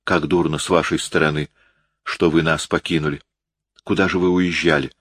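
A man's voice: a bass voice, little pitch movement, normal speed, fairly bright tone, husky, dry recording, exaggerated voice. Reader as a teasing young woman: lightly raised voice, playful scolding, close and dry. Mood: chiding. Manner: chiding, playful. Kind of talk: audiobook character reading.

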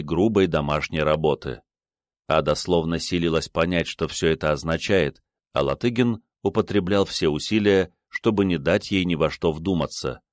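A man narrating a classic novel in a measured, even storytelling manner. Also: deep voice, no room sound, clean studio sound. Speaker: audiobook narrator. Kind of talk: scripted literary narration.

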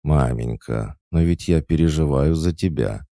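A man's voice: very deep voice, a little slow, warm tone, no room sound, clean studio sound, pitched above the performer's own voice. A man voicing a cheeky, sarcastic young witch in an audiobook, teasing and mocking. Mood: needling. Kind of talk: audiobook character voice.

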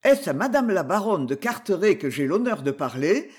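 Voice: mid-range voice, very animated, a little mellow, lightly acted. A reader putting on a haughty indignant nobleman. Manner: haughty, quick to outrage. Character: proud indignant nobleman, adult man. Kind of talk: audiobook character voice.

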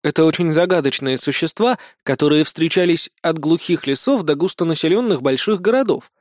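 A man narrating a first-person comic fantasy audiobook in an even storytelling read. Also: a little high, brisk, no echo, studio quality.

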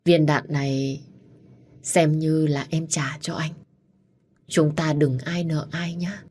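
A woman's voice: low voice, a little fast, breathy edge. A woman voicing a young policewoman who sounds firm but strained, as an audiobook character. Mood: weak. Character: torn young policewoman, firm yet grieving.

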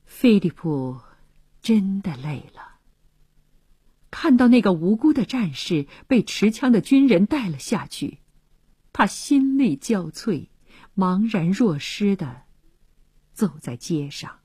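A woman narrating a serialized radio story in an expressive storytelling manner, often dropping to a hushed voice. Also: medium pitch, slow, pauses often, slightly rough, no room sound, studio quality.

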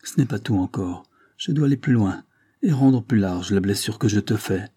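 A man's voice: on the low side, expressive, moderate pace, dark tone, breathy edge, no room sound, clean studio sound. A man voicing a grieving, stern aristocratic mother as he reads a classic novel aloud, solemn and pleading.

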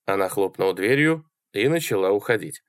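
Lively male audiobook narrator. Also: lowish voice, brisk, dry recording, clean studio sound. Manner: lively, dramatic reading. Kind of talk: scripted narration.

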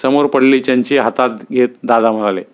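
A man reading a story aloud in plain, steady narration. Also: mid-range voice, brisk, muffled recording. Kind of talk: audiobook reading.

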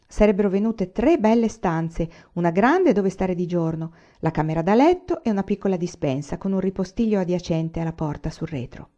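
Brief: a woman reading a novel aloud, measured and even, dark lowish voice. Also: dull audio. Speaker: audiobook reader. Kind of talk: storybook reading.

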